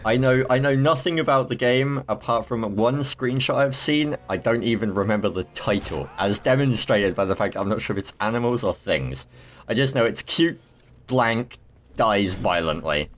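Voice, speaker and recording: A man hosting a casual gaming podcast, chatty and rambling with quick asides. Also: medium pitch. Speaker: podcast host. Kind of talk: casual chat.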